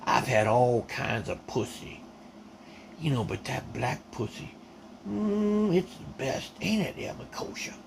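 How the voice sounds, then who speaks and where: A man's voice: mid-range voice, very animated, unhurried, creaky, slight background noise. A man voicing a crude, taunting male airman from Kentucky who goads and leers. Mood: leering.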